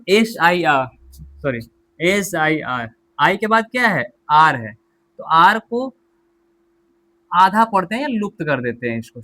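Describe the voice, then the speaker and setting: A man's voice: high voice, bright, forceful tone. A male English teacher giving a pronunciation lesson, repeating the rules and asking the listener questions as he goes. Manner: slow, repetitive, quizzes the listener with questions.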